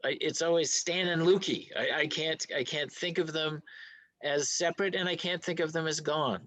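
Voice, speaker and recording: A man reading haiku slowly and softly at a memorial, pausing haltingly as he speaks of loss. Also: fairly high pitch, fairly even intonation, no room sound. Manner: soft, halting, grieving pauses. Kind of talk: slow poetry reading.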